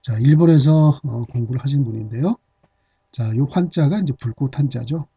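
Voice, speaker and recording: A man's voice: medium pitch, moderate pace, mellow, breathy edge, no room sound. A middle-aged man teaching Chinese-character vocabulary, explaining patiently with many "ah" and "uh" fillers. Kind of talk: hanja vocabulary lesson. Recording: dull, slightly lo-fi dry recording.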